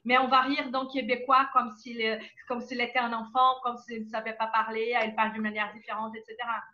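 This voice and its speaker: A woman's voice: a little high, little pitch movement, brisk, bright, forceful tone. A woman professor talking earnestly on a video call panel about teaching. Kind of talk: video call round-table talk. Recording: dull lo-fi video call audio.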